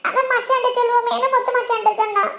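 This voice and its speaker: A woman's voice: very high-pitched, little pitch movement, very fast, pushed and bright, heavily acted. A woman voicing an earnest young village daughter-in-law in a cartoon, with a southern Tamil Nadu dialect and a pleading manner. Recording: roomy echo.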